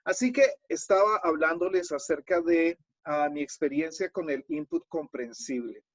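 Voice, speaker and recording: A man's voice: on the high side, moderate pace. A man hosting a live online webinar as a Spanish teacher. He explains patiently and speaks directly to his viewers over a video call. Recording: dull lo-fi video-call audio.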